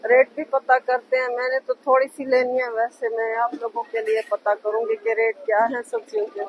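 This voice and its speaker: A woman's voice: a little high, moderate pace, highs cut off, a little hiss or hum. A woman vlogger casually describing the market and its prices to her viewers.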